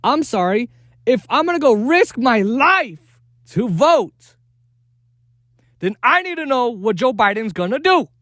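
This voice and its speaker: A man's voice: extremely high pitch, sing-song, a little slow, pauses often, a bit bright, no echo, clean studio sound. A man delivering an escalating political rant, exasperated, sarcastic and swearing as a commentator. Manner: exasperated, sarcastic, profane, mimics opponents mockingly.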